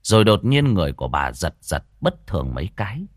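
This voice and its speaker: A man, telling a village tale in a lively, folksy way. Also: deep voice, brisk, no room sound, studio quality. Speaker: storyteller. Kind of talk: audiobook narration.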